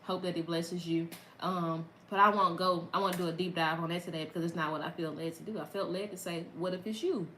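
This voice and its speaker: A woman's voice: on the low side, level tone, quick pace, few pauses, pushed and bright, reverberant, slight background noise, low-quality recording. A woman from Mississippi with a Southern accent, chatting casually to her viewers on a livestream and laughing often. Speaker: content creator.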